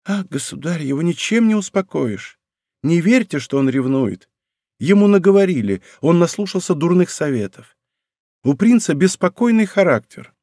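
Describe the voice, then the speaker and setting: A man's voice: fairly high pitch, sing-song, moderate pace, a little mellow, dry recording, studio quality, pitched above the performer's own voice. A man voicing a proud, tearful young princess. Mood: pleading. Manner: wistful, pleading, slightly mocking. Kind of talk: audiobook character reading.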